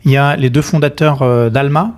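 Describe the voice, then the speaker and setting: A man in his thirties, originally from Nantes, talking casually as a guest in a podcast interview, relaxed and hesitant, with many fillers and restarts. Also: medium pitch, normal speed. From France, Nantes. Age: 30s. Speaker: guest, company cofounder.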